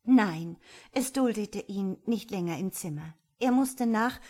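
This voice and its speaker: A woman's voice: mid-range voice, expressive, unhurried, a little mellow. Woman reading a storybook aloud. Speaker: narrator. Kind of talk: audiobook narration.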